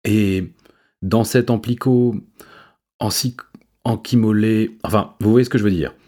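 A man voicing an excitable, bookish male cat who exclaims and trips over long words. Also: on the low side, brisk, lightly acted. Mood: excited.

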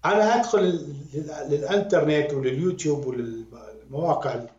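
A man with an Iraqi accent, a music critic and podcast guest, talking in an animated, emphatic way and repeating words to drive his point home. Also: on the high side, moderate pace. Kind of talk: conversational critique. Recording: roomy, dull lo-fi sound.

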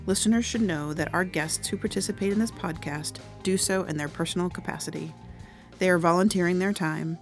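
A woman hosting a podcast, reading a formal introduction in a clear, lightly wry way from a radio studio. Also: on the low side, dry recording. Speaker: podcast host.

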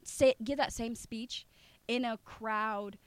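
Woman, podcast guest, animated, mocking asides, fairly high voice, dry sound. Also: slow, smooth, no room sound. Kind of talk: casual podcast chat.

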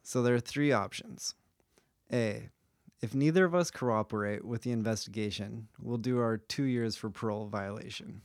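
A man's voice: fairly low pitch, no echo, clean studio sound. Laid-back young man hosting a podcast. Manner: laid-back, joking, quick asides. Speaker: podcast host. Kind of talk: casual explainer chat.

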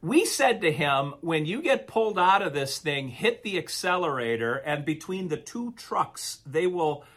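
A man with a bright, forceful voice that sits a little high. He tells a long story in an animated, rambling way, swinging up and down as he goes. It is the relaxed, casual storytelling of a podcast co-host. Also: unhurried, hardly any pauses.

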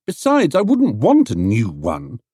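An earnest little bear from a storybook, performed by a male reader. He speaks politely and plaintively, with lively swings of pitch, in a very dry recording. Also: a little slow, breathy edge, no room sound, full character voice. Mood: sad, earnest.

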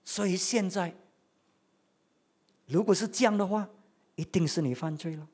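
A preacher giving a sermon, retelling a story with many rhetorical questions and swings between loud and quiet. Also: mid-range voice, moderate pace.

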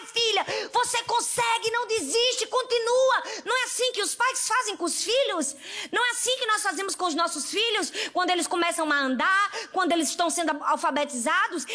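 A woman with a Northeastern Brazilian accent preaching a sermon to women, fervent and lively, calling out to her listeners and telling stories with laughter. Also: extremely high pitch. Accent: Northeastern Brazilian Portuguese. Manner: fervent, addresses the audience directly with repeated calls.

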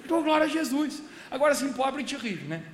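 A man's voice: very high voice, sing-song, fast talker. A young man, preaching a sermon as a chatty story and often addressing the congregation directly. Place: church service in a large hall. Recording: echoey hall, faint background hiss.

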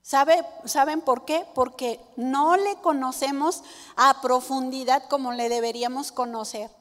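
A woman's voice: high-pitched, fairly even intonation, measured pace, a bit bright, big-room sound. A woman preaching a sermon to a women's meeting, emphatic, acting out quoted prayers and putting questions to the congregation. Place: church hall.

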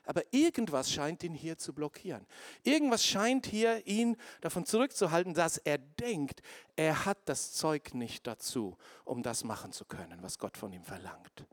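A man's voice: fairly high pitch, very animated, moderate pace, dry recording. A man preaching a sermon, speaking straight to his congregation and building to emphatic fervor, sometimes dropping English church phrases.

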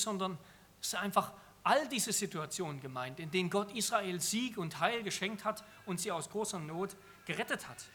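A man's voice: high-pitched, bright, forceful tone. A man preaching an earnest sermon on a psalm, emphatic and often repeating phrases for stress.

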